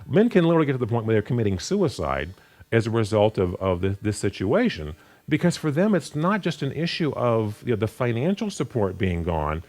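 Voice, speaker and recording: A man giving an unscripted Bible study sermon, often repeating words and restarting his sentences. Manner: animated pitch, rising sharply for emphasis. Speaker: Bible teacher.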